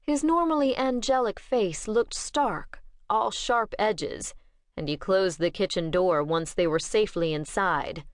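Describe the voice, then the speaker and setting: A woman narrating an audiobook in a measured, steady storytelling manner. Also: mid-range voice, no echo, clean studio sound.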